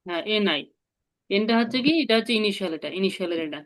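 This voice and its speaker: A woman with a mid-range voice teaches a language lesson at a fast pace. She is patient, explaining each step and asking the learner to repeat.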